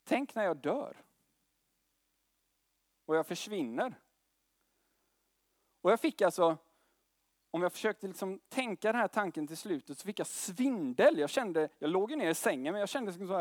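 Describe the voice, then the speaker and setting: High-voiced man preaching casually. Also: dry recording, studio quality. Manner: conversational preaching with slang and tag questions. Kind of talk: sermon.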